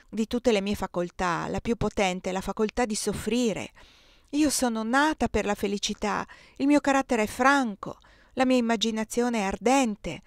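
A woman's voice: mid-range voice, no room sound, close to an everyday voice. Passionate young heroine, pleading and heartfelt, dry close sound, read by a woman. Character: passionate young woman, proud yet wounded.

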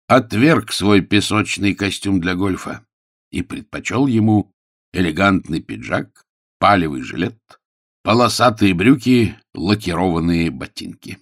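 A man narrating an audiobook in a wry, expressive storytelling manner, recorded close and dry. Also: low-pitched, no echo. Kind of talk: scripted narration.

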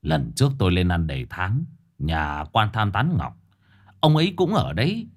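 A man doing a hushed, confiding old landlord. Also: low-pitched, big pitch swings, normal speed, pitched below the performer's own voice, full character voice. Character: anxious older wealthy village landlord.

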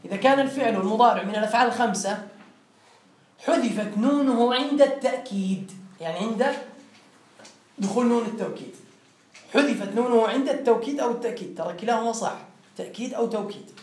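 A man's voice: extremely high pitch, fast, long pauses, recorded from a distance. A man teaching a classroom grammar lesson, explaining step by step and quizzing his students. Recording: roomy classroom with faint noise.

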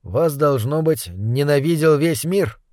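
A man reading the part of a measured, questioning storyteller in an audiobook. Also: a little high, dark tone, no room sound, studio quality, lightly acted. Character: curious, skeptical male first-person narrator.

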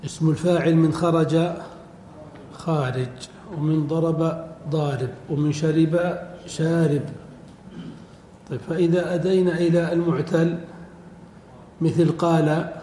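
A middle-aged man teaching Arabic word forms in a classroom lecture, quizzing his students and repeating each form slowly. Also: a little high, steady tone, warm tone. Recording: echoey hall recording, faint background noise.

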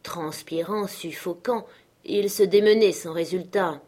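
A woman narrates a literary audiobook with measured, expressive pacing. Her voice is fairly low and has a husky, breathy grain. She tells the story in a steady reading tone.

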